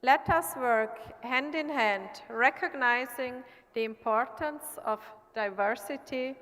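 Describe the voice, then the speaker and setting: A woman from Austria who sits in parliament, giving an earnest, measured prepared speech at an assembly. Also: high-pitched, a bit bright. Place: large assembly hall. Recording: long hall reverb.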